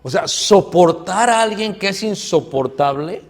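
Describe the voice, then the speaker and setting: A man's voice: high voice, unhurried. A middle-aged man preaching a sermon, telling stories and acting out the people in them. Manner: animated storytelling, acts out quoted voices. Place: church hall. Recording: church hall reverb.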